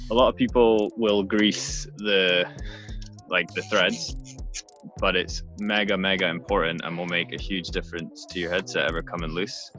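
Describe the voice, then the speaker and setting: Low-voiced mechanic explaining a tip. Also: male voice, bright, forceful tone. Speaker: bike race mechanic. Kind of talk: casual how-to explanation.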